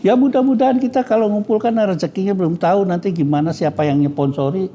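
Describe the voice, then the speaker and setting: A man's voice: high voice, fast, warm tone. A man, teaching scripture as a cleric in a casual, joking and frank way. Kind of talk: casual religious study lecture. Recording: dull lo-fi recording.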